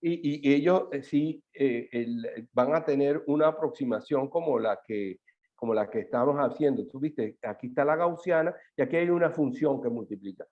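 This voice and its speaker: A man speaking at a mathematics seminar, explaining and answering questions in a halting way, with many fillers and restarts. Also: medium pitch. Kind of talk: academic talk and answers. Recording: lo-fi video call audio.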